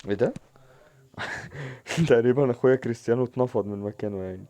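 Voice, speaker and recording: A young gaming channel host with an Egyptian Arabic accent casually comments on his own football video game match, shouting at the players in excited bursts. His voice is mid-range and fast.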